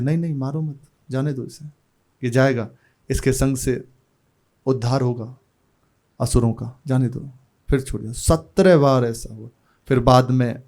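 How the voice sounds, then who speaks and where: Slow-speaking Indian spiritual teacher. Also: male voice, mid-range voice. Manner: slow, unhurried storytelling with soft trailing phrases. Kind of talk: devotional storytelling discourse.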